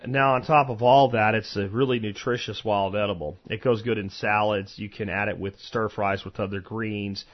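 A man's voice: lowish voice, fairly even intonation, moderate pace, hardly any pauses. American man podcasting, dull lo-fi sound. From eastern United States, Florida and Pennsylvania. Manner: conversational, rambling with personal anecdotes and asides. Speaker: podcast host. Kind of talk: informal solo podcast talk on medicinal plants.

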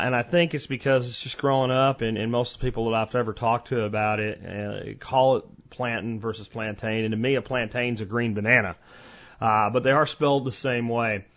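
An American man hosting a podcast solo, talking informally and conversationally, rambling through asides and personal recollections. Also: medium pitch. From eastern United States, Florida and Pennsylvania. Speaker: podcast host. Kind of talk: informal solo podcast talk on medicinal plants. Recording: dull, lo-fi podcast audio.

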